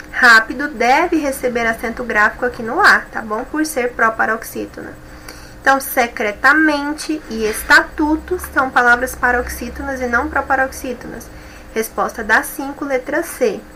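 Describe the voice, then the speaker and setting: A woman teacher going over grammar exercises with her class, stretching each example word slowly to show its stressed syllable. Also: a little high, pushed and bright, a little hiss or hum, poor audio. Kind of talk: grammar lesson, correcting exercises.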